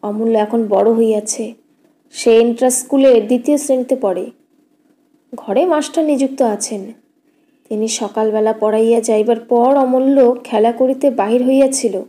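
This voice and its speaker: Woman narrator, audiobook, classic novel, steady, measured, high voice.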